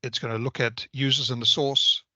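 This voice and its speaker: A bright-toned man on a video call. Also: medium pitch, little pitch movement, normal speed, no room sound. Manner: methodical, explanatory. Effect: video call audio. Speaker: software presenter. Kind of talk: technical product walkthrough. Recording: slightly dull video call audio.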